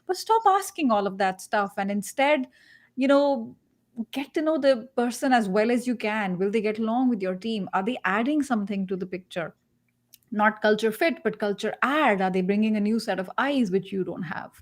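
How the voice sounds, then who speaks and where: A woman from India with an Indian accent, a career coach speaking as a guest in a casual panel chat on a video call, animated, sarcastic and expressive. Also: mid-range voice, normal speed.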